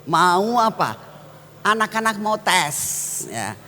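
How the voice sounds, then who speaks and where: A woman evangelist preaching a sermon, telling personal stories with an animated storyteller's manner. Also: mid-range voice, slow pace, in a large hall, a little hiss or hum. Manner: animated storyteller, addresses the congregation as brothers and sisters.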